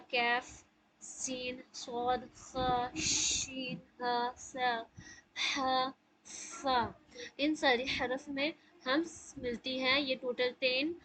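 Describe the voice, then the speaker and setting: A woman's voice: high voice, a bit bright, low-quality recording. A woman teaching a tajweed class over a video call, encouraging her students and mixing in English words.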